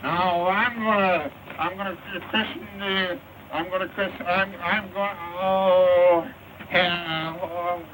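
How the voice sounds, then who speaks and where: An actor playing a flustered, folksy ranch hand in an early 1930s western talkie, with an American accent and a stammering, halting delivery. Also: male voice, sits high, steady tone, a bit bright. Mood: flustered, proud. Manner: stammering, halting, repeats himself. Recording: noisy 1930s film soundtrack.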